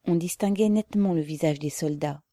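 A woman narrating a novel aloud in a measured, solemn reading. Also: low-pitched, warm tone, no echo, clean studio sound. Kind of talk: audiobook narration.

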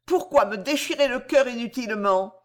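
A woman's voice: a little high, normal speed, fairly bright tone, close to an everyday voice. Woman voicing a feverish, resolute young woman. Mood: intense.

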